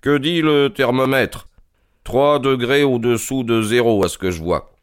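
A man doing a slow languid detective. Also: mid-range voice, clear, resonant tone, no echo, studio quality, pitched above the performer's own voice, lightly acted. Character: languid, self-assured male detective.

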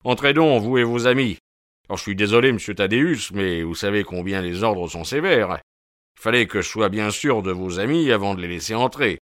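A man voicing a gruff, suspicious male porter who is a former boxer, talking bluntly in plain colloquial speech. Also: lowish voice, a little fast, a bit bright, dry recording, studio quality, lightly acted. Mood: excited. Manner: blunt, colloquial, dropping negations.

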